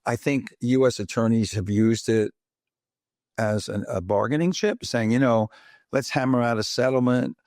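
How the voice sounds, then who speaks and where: A podcast host from the Bronx, New York, runs a conversational interview in a chatty style, asking leading questions and often tossing in "right?" to draw agreement. His mid-range voice moves at normal speed with a slightly mellow quality, captured in clean studio sound with no room sound.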